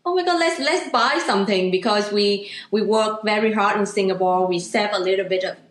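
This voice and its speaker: Vietnamese-accented woman in an echoey room. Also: mid-range voice. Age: 30s. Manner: halting, many "you know" and "like" fillers, laughs easily. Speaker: guest, real estate agent. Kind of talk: casual interview chat.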